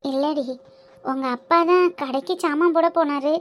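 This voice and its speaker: A woman acts out a homely middle-aged mother in a family cartoon. She gives soothing, plain advice. Her voice is pitched very high. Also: fairly even intonation, normal speed, close to an everyday voice. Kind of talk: cartoon voice acting.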